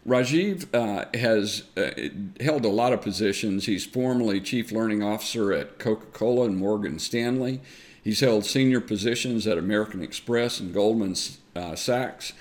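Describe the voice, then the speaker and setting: A man's voice: fairly low pitch, moderate pace. Chatty Southern US man hosting a show. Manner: chatty, upbeat, frequent uh fillers. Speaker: podcast host. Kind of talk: friendly conversational interview.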